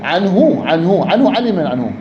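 A man's voice: sits high, very animated, moderate pace, muffled recording. A man teaching a grammar lesson, repeating words and quizzing his student. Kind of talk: Arabic grammar lesson, question and answer. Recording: echoey room, faint noise.

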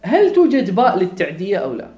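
A Kuwaiti-accented man lectures on grammar step by step, regularly checking that the class understands. His high, mellow voice swings enormously in pitch, and the room rings with echo.

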